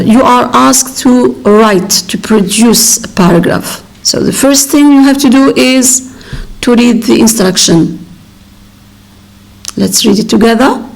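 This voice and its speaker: Slow, creaky-voiced woman teacher. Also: a little high, low-quality recording. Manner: slow, patient, repeats words and explains step by step. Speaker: English teacher. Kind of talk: exam revision lesson.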